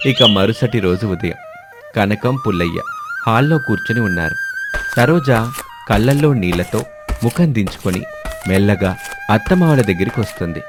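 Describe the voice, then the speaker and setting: Low-voiced male story narrator. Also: lively intonation, normal speed, pauses often, music in the background.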